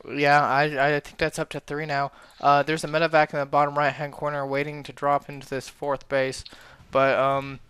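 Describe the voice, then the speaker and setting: A man commentating a strategy game match, calm in analysis and excitable when fights break out. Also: a little high, normal speed, few pauses, smooth, no room sound. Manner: excitable, shouts during fights. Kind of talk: esports casting.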